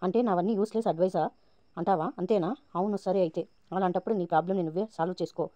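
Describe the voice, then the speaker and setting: A woman's voice: fairly low pitch, steady tone, racing, warm tone, no echo, lightly acted. A woman narrator reading the lines of a scheming, sarcastic young woman. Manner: sarcastic and goading.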